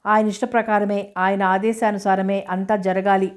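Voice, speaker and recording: A woman voicing an angry young man who speaks forcefully and indignantly in defense of his father. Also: medium pitch, flat delivery, normal speed, smooth, natural voice.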